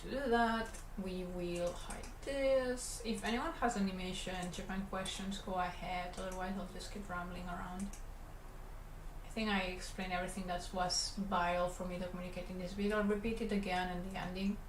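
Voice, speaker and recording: Her voice lowish and her speed normal, a Catalan woman whose first language is Catalan chats with her stream while animating, her Spanish Catalan accent clear. She's from Catalonia, Spain, and rambles casually as she works. The studio room gives a roomy sound with a faint background hum.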